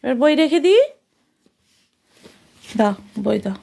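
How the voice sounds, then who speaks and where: A young woman reading a picture book to her toddler, making animal sounds in a sing-song way and stopping now and then to explain calmly. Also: high voice, takes it slowly, creaky, a little hiss or hum. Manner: turns aside to explain calmly. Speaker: mother.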